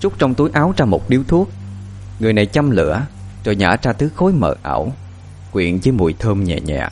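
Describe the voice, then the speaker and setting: Low-voiced, expressive horror storyteller man. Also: brisk, slight background noise.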